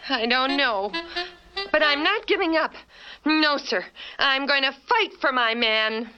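A woman's voice: sits high, measured pace, sharp tone, soft background music. A woman voicing a fretful, devoted cartoon caveman's wife in an exasperated, pleading manner. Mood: worried, determined. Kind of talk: cartoon voice acting. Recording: dull lo-fi cartoon soundtrack.

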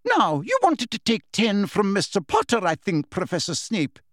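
A man puts on an older female professor from a storybook, stern but fair. The voice is pitched well up and swoops with dry, brisk authority, in a close, dry recording. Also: wildly swooping pitch, no echo, heavily acted.

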